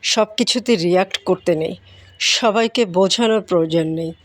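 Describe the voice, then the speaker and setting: A woman's voice: fairly low pitch, a little fast, dry recording. Woman giving advice while eating, close dry sound. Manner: talking while eating, mouth sometimes full; instructive, speaking in short direct imperatives. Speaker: vlogger giving life advice. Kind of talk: motivational monologue addressed to viewers.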